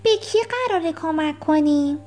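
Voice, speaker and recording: A bossy, clever little girl in a storybook, voiced by a woman in a very high, prim voice. Her lines come with faint music underneath. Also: warm tone, close to an everyday voice.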